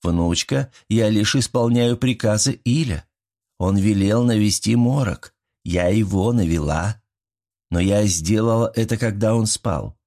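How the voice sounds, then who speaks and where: A man voicing a calm, soft-spoken but insistent old grandmother spirit in a fairy tale. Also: fairly low pitch.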